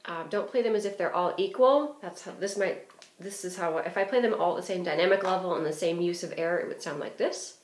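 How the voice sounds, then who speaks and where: A woman's voice: lowish voice, brisk, music in the background. A woman giving a clarinet lesson, explaining phrasing and fingerings in a practical way with frequent fillers. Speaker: clarinet teacher. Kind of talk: instructional music lesson. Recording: roomy echo.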